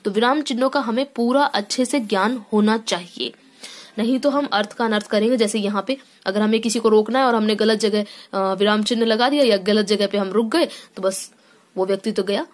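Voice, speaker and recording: A woman's voice: mid-range voice, brisk. A woman teaching a grammar lesson. She explains step by step, often checks in with "theek hai", and reads each rule aloud before unpacking it. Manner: reads sentences aloud then explains them.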